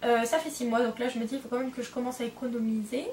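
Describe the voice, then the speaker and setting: A woman's voice: fairly high pitch, level tone, rapid-fire, a little mellow, a little hiss or hum. A young woman in her twenties from France chatting casually in a vlog, rambling with lots of fillers and self-corrections. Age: 20s. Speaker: au pair vlogger. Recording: roomy echo, distant from the mic.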